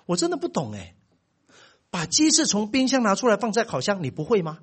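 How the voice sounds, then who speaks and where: A man voicing his teenage son, who is puzzled and reasons calmly back at his father. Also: high voice, a little fast, slightly rough, pitched above the performer's own voice, heavily acted.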